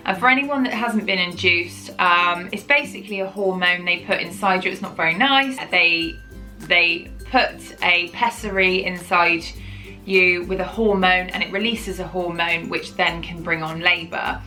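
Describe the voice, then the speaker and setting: A woman's voice: fairly low pitch, measured pace, bright, forceful tone, soft background music, poor audio. A woman, telling her own story to camera in a chatty, rambling way, often correcting herself. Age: 30s. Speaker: parenting vlogger.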